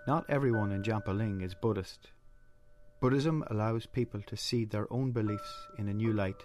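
A man narrates a documentary from a script. His voice is fairly low and is laid over clearly audible music. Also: normal speed.

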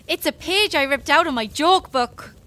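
A woman's voice: sits high, expressive, moderate pace, pushed and bright. A woman playing a cheeky, loving young boy with an Irish accent, telling his story earnestly and playfully in a children's radio drama. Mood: sly, defiant.

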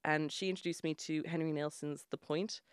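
A woman's voice: low-pitched, fairly even intonation, fairly quick, smooth, no room sound, studio quality. A young woman, a journalist, chatting casually about music with many fillers and frequent laughs. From Ireland. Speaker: guest journalist. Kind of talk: casual radio chat.

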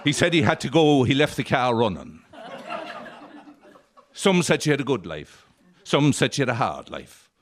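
A man's voice: mid-range voice, very animated, moderate pace, long pauses. A man with an Irish accent telling a comic story as a live stage monologue, in a lilting, droll storyteller's manner. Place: live on stage at an arts centre.

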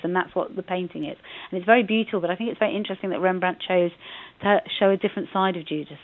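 Radio guest, woman from England, phone-line sound, hesitant and halting. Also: on the low side. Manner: hesitant, many restarts. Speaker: museum guest. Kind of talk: radio interview.

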